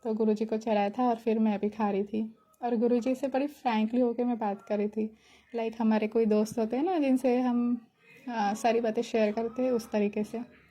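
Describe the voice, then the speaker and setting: A woman's voice: on the high side, little pitch movement, normal speed, warm tone. Giggly young woman sharing a devotional story. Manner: chatty, giggly, grateful. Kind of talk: casual spoken testimony.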